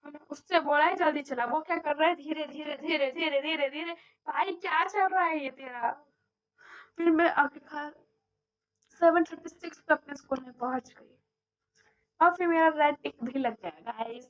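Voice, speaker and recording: High-voiced chatty woman teacher vlogging. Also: normal speed. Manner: animated, mimics others' voices in anecdotes. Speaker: primary school teacher. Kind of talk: casual storytelling vlog. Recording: slightly dull lo-fi audio.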